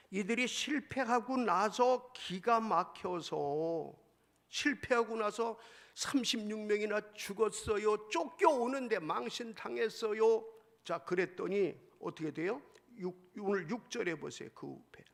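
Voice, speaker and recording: Gravelly, high-pitched preaching man. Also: a little slow. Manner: emphatic preaching, sudden swings from loud to hushed. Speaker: pastor. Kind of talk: sermon.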